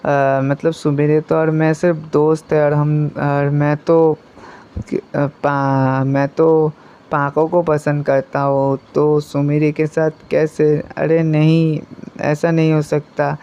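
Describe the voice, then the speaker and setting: A man's voice: fairly high pitch, little pitch movement, takes it slowly, mellow, clean tone. A man voicing a shy teenage boy who keeps protesting, flustered. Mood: worried. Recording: muffled lo-fi recording.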